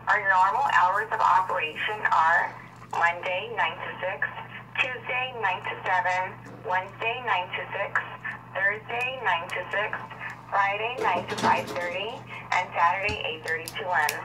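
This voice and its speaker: A woman's voice: mid-range voice, a little slow. A woman's recorded office greeting heard over a phone line, formally reading out hours and menu options. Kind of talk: scripted answering-machine message. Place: office answering system. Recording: distant phone audio with faint hiss.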